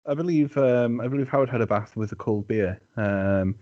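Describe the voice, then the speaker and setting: A man's voice: mid-range voice, moderate pace, dull audio. A man who is a guest on a casual podcast chat, teasing the host and laughing easily. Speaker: podcast guest, team captain.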